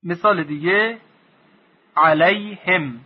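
A man teaching Quranic reading, drawing out each syllable slowly for the listener to repeat. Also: high-pitched, breathy edge, dull audio. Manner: slow, drawn-out syllables for repetition. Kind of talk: Quran recitation lesson.

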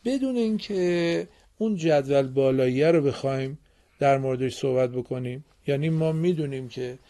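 Male radio teacher, warm mellow tone, patient and encouraging, quizzes pupils in the studio. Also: mid-range voice. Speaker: Quran reading teacher and radio host. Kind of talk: radio classroom lesson.

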